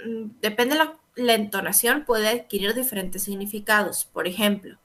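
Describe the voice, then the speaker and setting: A Guatemalan woman gives an online English grammar lecture at normal speed, her medium-pitched voice a bit bright. She explains patiently and checks in with "¿verdad?" again and again.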